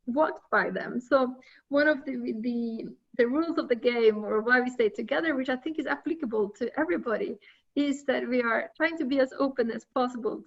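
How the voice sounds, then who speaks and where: A woman's voice: on the high side, highs cut off. A woman from Norway, an English speaker, giving a seminar talk in an earnest way, with many fillers and repeated words. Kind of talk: conference talk.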